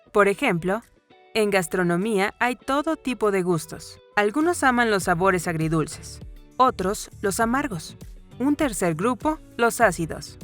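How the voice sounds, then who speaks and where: Lady reading a grammar lesson, calm and even, soft music behind. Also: medium pitch. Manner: calm, even read with clear pauses. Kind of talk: scripted educational narration. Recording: voice-over with faint background music.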